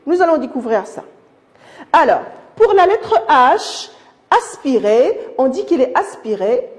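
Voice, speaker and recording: A woman's voice: high voice, sing-song. A woman teaching a lesson to young pupils, patient and repeating herself, speaking to them affectionately. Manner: slow, patient, repeats and restarts words. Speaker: primary school teacher. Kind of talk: recorded lesson explaining to young children.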